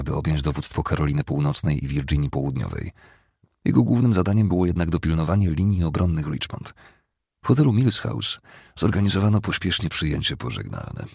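A man narrates a novel in a very low, gravelly voice with a husky grain. The reading is steady and dramatic, and the sound is dry and close with no room around it. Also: dry recording. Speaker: audiobook narrator. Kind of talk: scripted narration.

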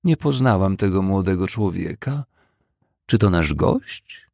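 Brief: gentle, vague older mother, male reader's voice, gravelly, dry. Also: deep voice, expressive, unhurried, no room sound, exaggerated voice. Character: forgetful, kindly older woman.

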